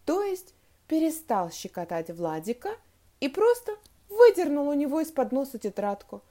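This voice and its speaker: A woman teacher reading a story aloud to children in an expressive, deliberate way, then asking them spelling questions. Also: high-pitched.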